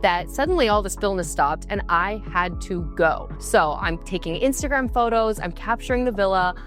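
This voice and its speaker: A young woman tells her trip in travel vlog style, with a bubbly, gushing and excitable manner. Her pitch sits in the middle for a woman. Soft music plays faintly under her voice. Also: normal speed. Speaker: travel vlogger. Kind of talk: travel vlog narration and on-camera chat. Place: outdoors at a tropical resort.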